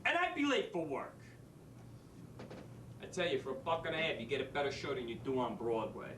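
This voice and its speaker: An actor playing a brash, wisecracking New street-smarts teacher in a stage monologue. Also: male voice, mid-range voice, huge pitch swings, a little fast, background noise. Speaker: actor in a drama school showcase monologue. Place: theater stage. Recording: echoey stage from a distant mic.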